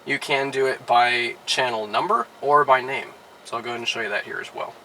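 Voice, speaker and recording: Bright-voiced man demonstrating casually. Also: medium pitch, brisk, a little hiss or hum, rough recording. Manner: relaxed, with frequent "all right" and "uh" fillers. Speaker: car dealership product specialist. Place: inside a car.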